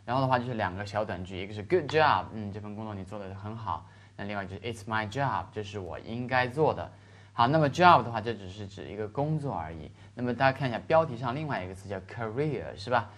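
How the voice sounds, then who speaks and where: A man teaching English vocabulary in Chinese, stretching out the English examples slowly and checking in with his listeners. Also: on the low side, lively intonation, a bit bright. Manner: explains in Chinese with slow, drawn-out English examples and frequent "是吧" checks. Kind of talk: classroom lesson explaining vocabulary.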